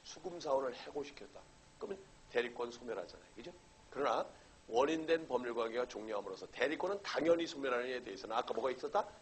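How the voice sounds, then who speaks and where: A man's voice: medium pitch, animated, quick pace, slight background noise, low-quality recording. A middle-aged man lecturing on law. He poses questions and answers them himself, and keeps checking that the class follows. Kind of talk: exam-prep lecture.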